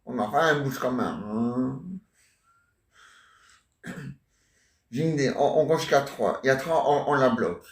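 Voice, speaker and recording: A man retelling and acting out a stage comedy in a halting, playful way, full of restarts. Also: medium pitch. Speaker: theatre amateur. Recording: roomy sound from a distant mic.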